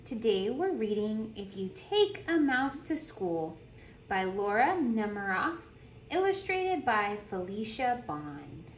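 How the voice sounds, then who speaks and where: With a mid-range voice, a woman teacher reads aloud to children, her delivery deliberate and very animated as she questions her young audience. Background noise is clear, and the space gives a roomy echo.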